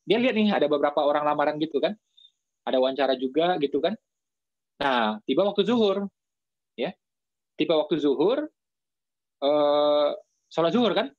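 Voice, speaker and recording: Man, preacher, casual storytelling sermon, fast talker, slightly high voice, chatty filler tags. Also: dry recording, muffled recording. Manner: chatty, with frequent filler tags and animated quoted dialogue.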